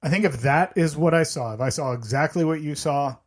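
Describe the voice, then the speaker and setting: A man's voice: on the high side, a little fast. A man co-hosting a podcast, answering in a laid-back, dry way with short replies and some hedging. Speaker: podcast co-host. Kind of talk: casual chat.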